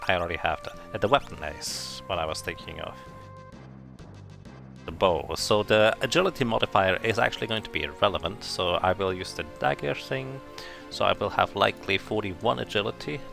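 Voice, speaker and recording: A man's voice: deep voice, creaky. A man streaming a game, chatting casually and thinking aloud, his voice sounding tinny and canned through a substitute microphone. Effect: tinny tin-can sound from a substitute microphone.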